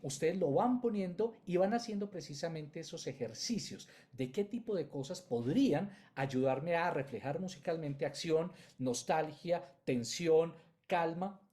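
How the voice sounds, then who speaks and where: A man's voice: fairly high pitch, lively intonation, measured pace, warm tone. A man teaching an online class on film music, explaining in loose, chained phrases and addressing his students directly.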